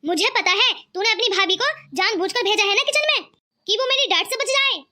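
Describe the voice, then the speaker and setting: Woman doing a scheming mother-in-law in a cartoon, taunts a lot, super high and bright. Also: a little fast, heavily acted. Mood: scolding. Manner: scolding, taunting. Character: scheming greedy middle-aged mother-in-law.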